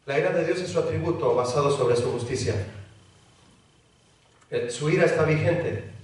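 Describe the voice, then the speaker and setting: A pastor preaching a sermon, acting out the voices of a pleading child and a parent. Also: male voice, fairly high pitch, darkish tone. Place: church hall. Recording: very echoey hall, mic far off.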